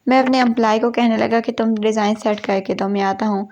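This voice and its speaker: A woman reading a family drama aloud as steady scripted story narration, telling it from a young man's point of view. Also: a little high, highs cut off, slight background noise. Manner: even, steady reading in a first-person male role.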